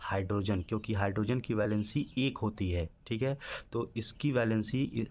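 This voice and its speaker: A man's voice: fairly low pitch, moderate pace, a little mellow. Man teaching, quizzing the class himself. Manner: asks questions and answers them himself, repeats "ठीक है" often. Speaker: chemistry teacher. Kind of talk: classroom-style lesson explanation.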